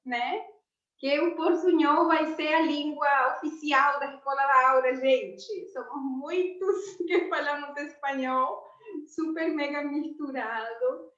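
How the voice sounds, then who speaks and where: A woman, a teacher chatting warmly on a video call, laughing often. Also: high-pitched, slow pace. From Argentina. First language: Spanish. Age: 40s. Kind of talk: casual chat on a video call. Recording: roomy, distant, dull sound.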